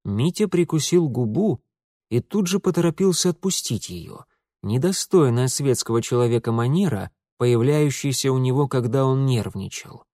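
A man narrates an audiobook in an even, measured way. His voice sits at a middle pitch. The recording is dry and close, with no room sound. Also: dry recording. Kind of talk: scripted narration.

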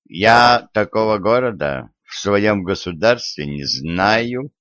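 A man doing a proud commanding tsar, archaic speech, low voice, slow and animated, dry dull audiobook sound. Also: no room sound. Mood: interrogating. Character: proud, blustering old-fashioned tsar.

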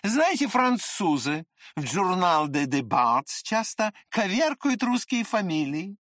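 A reader voicing an excitable, pretty teenage boy who chatters eagerly in an audiobook. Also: mid-range voice, slow, no room sound, studio quality, voice pushed up. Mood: chattering.

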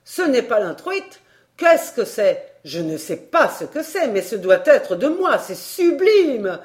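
A woman voicing a drunken old male music master who shouts commands in wild exaltation. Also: fairly high pitch, animated, moderate pace, lightly acted. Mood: exalted.

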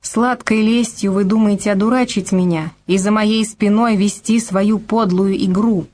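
A woman's voice: mid-range voice, steady tone, normal speed, darkish tone, lightly acted. A woman reading an audiobook, voicing a passionate young Polish maid who speaks with raised emotion. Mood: fierce. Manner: pleading then fiercely accusing.

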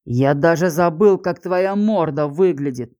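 A vicious imprisoned man, as a woman reader puts him on, spitting insults in a low, dark, snarling voice. He sounds brutal and full of rage throughout this audiobook scene. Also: measured pace, dry recording, clean studio sound, lightly acted. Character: brutal male jailed villain, furious and vicious.

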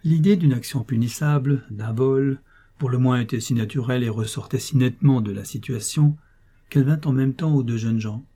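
Dark-voiced male audiobook narrator. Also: mid-range voice. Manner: measured, expressive storytelling. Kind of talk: scripted narration.

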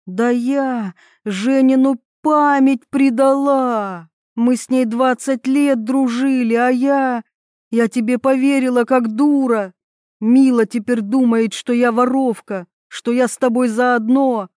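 Woman playing a shrill, accusing betrayed friend. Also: steady tone, slow pace, a little mellow, dry recording, clean studio sound. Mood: hurt.

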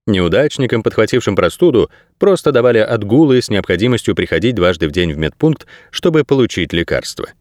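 A man's voice: lowish voice, very animated, a little fast, hardly any pauses, darkish tone, no echo, studio quality. A man reading an audiobook aloud as scripted narration.

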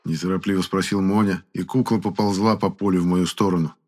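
A man with a very low voice reads an audiobook in the first person. His delivery is wry and even-paced, the steady style of a storyteller. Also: a little fast. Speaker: audiobook narrator.

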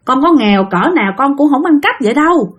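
A woman's voice: high-pitched, lively intonation, fast, highs cut off, voice pushed up. A woman voicing a humble young wife who prays in a pleading way. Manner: pleading, tearful.

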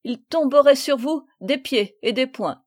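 A woman voicing a kind, brotherly young boy in a storybook reading, lively in manner. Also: high voice, measured pace, no echo, studio quality, voice pushed up. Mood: eager.

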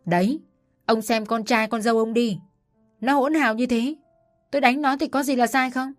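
A woman voicing a furious old mother-in-law who shouts coarse insults, with soft music behind. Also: a little high, normal speed, pitched above the performer's own voice, close to an everyday voice. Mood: furious scolding.

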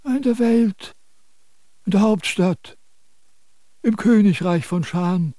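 An actor playing a self-important sage who lectures and scolds in a radio drama. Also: male voice, high voice, slow pace, dark tone, a little hiss or hum. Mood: lecturing. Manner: pompous, preachy, scolding.

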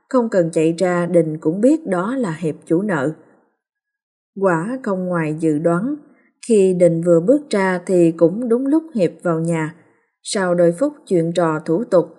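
A woman narrating a ghost story in a slow, somber, even storytelling manner. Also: lowish voice.

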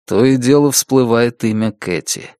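A man reads an audiobook in a steady, measured way, his mid-range voice carrying a noticeable gravelly texture. The recording is dry and close, with no room sound around him. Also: mid-range voice, no room sound. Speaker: audiobook narrator. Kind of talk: scripted narration.

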